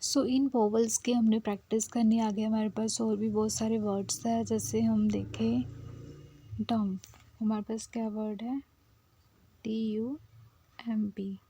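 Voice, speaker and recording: A woman explains shorthand in a slow, unhurried lesson. Her voice sits a little high but has a soft, mellow tone. She checks in patiently and sometimes drops almost to a whisper while she writes. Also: little pitch movement, husky. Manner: patient, repeats "theek hai" often, drops to a near whisper while writing. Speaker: shorthand teacher. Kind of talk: step-by-step lesson, mixing Hindi and English.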